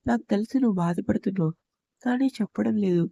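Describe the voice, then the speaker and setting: A woman's voice: medium pitch, fast, vocal fry, warm tone, no echo. A woman narrator voicing a hurt, angry young wife who pleads and scolds in a storybook. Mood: pleading.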